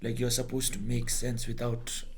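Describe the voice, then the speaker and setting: A man's voice: medium pitch, completely flat delivery, normal speed, a little hiss or hum. A young man co-hosting a casual podcast, rambling through stories with frequent restarts and laughs. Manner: rambling storyteller, laughs mid-sentence, restarts often. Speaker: podcast co-host. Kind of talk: casual chat.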